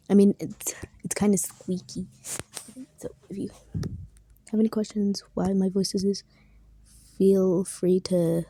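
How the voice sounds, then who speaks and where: Talking softly while she draws, this young female drawing-video creator drifts into half-whispers and self-deprecating remarks. Her voice sits at a medium pitch with a breathy edge. No room sound can be heard.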